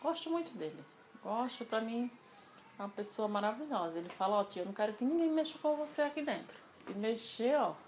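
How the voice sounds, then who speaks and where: A woman telling a personal story in a casual interview, animated and acting out the dialogue she quotes. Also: fairly high pitch, fairly quick, a little hiss or hum.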